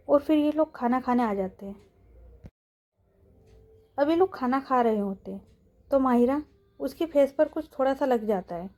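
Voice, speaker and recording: High, mellow woman narrating a story. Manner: repetitive "to ... vo" linking phrasing. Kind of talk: casual audio story narration.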